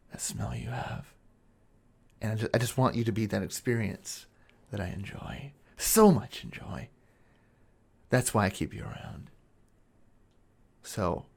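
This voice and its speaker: An obsessive male kidnapper played by a man in an intimate role-play monologue. His voice sits low with a heavy creak, and he muses haltingly, coaxing his captive with controlling, quiet menace. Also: heavily acted. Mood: obsessive, creepy. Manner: halting, musing, coaxing, with drawn-out pauses.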